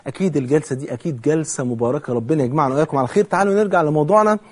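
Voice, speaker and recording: A man's voice: a little high, very fast, darkish tone. A man with an Egyptian accent preaching an impassioned televised sermon, asking and answering his own questions.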